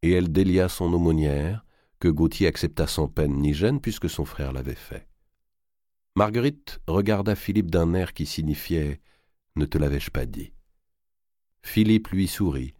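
Male audiobook narrator, deep voice, dark tone, measured reading, dry sound. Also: no room sound. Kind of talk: scripted narration.

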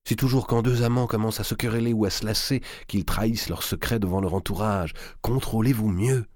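A man voicing a haughty, sly young noble queen in a high, theatrical voice. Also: a little fast, a little mellow, no echo, clean studio sound, close to an everyday voice. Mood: sharp, warning.

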